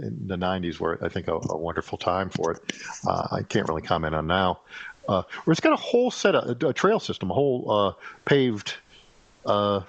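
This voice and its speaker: A middle-aged man talking in a casual, rambling solo monologue, halting often with fillers and restarts. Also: fairly low pitch, no room sound. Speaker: podcast host rambling solo. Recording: dull, dry lo-fi recording.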